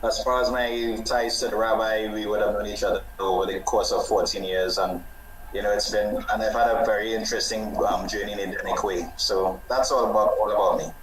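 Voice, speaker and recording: A man's voice: fairly low pitch, steady tone, fairly quick, echoey room, a crowd in the background, low-quality recording. A man from Trinidad, born in the US, introducing himself as a panel guest over a video call, hesitant and correcting himself as he goes. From born in the US, grew up in Trinidad. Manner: hesitant, starts with "well" and self-corrections. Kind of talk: self-introduction in a panel discussion.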